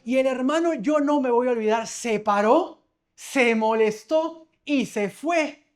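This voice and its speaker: Speaking at a measured pace in a very high-pitched voice, a male pastor delivers a sermon conversationally. He tells stories and asks the congregation questions.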